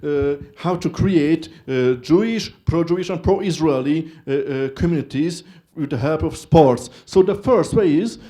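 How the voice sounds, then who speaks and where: A young man from Hungary with a Hungarian accent gives a short stage talk in halting speech with many filler pauses. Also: on the high side, dark tone. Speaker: student speaker.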